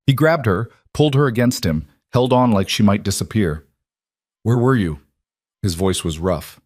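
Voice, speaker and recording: A man's voice: lowish voice, normal speed. A man reading scripted dramatic narration in terse, clipped sentences.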